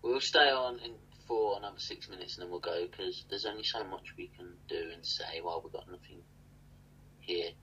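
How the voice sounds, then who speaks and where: A man's voice: deep voice, moderate pace, bright, forceful tone, husky, muffled recording. A young man co-hosting a casual livestream from a small room, chatting and thanking viewers by name. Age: young adult. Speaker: livestream co-host. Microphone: webcam at desk.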